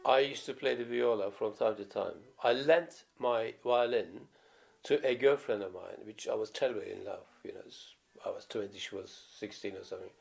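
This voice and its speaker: A man's voice: lowish voice, moderate pace, vocal fry, soft background music. A man in his seventies from Turkey, speaking English with a Turkish accent, telling rambling stories about his life as a viola player, with many fillers and restarts. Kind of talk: reminiscing in a documentary interview.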